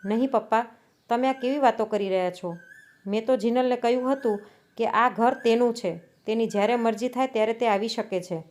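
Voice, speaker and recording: An earnest young husband pleads with his wife, hurt but trying to stay reasonable, as a woman narrator reads his part. The voice is on the high side. It is a storybook reading. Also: a little fast, a little mellow, lightly acted. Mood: pleading.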